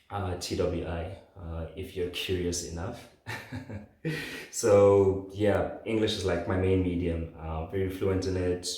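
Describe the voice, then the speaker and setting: A man in his late twenties, born in Zambia and from southern Africa, tells his story as the solo host of a podcast. His voice sits low and is a little mellow, his delivery informal and conversational with frequent "like"s, and the room is very echoey.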